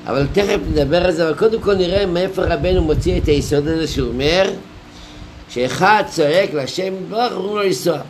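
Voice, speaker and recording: A man, a rabbi, giving a Torah lecture, explaining with stories and rhetorical questions in deliberate, drawn-out phrases. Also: fairly high pitch, a little hiss or hum, low-quality recording.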